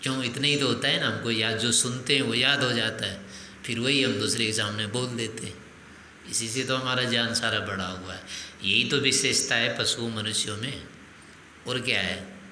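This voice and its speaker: A man's voice: on the low side, bright, forceful tone. An older man giving a spiritual discourse as a teacher, reasoning aloud with rhetorical questions. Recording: echoey hall with faint noise.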